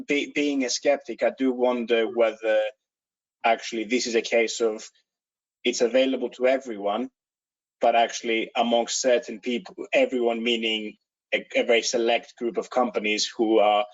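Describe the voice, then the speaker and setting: A man from Greece speaking on a panel, measured and cautious, with frequent hesitant restarts. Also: medium pitch, lo-fi sound. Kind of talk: panel discussion. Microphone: video call.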